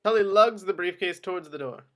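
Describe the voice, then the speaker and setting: At a table read, a man narrates the screenplay's scripted action descriptions as the reader of stage directions. His voice sits high, moves a little fast, and sounds a bit bright.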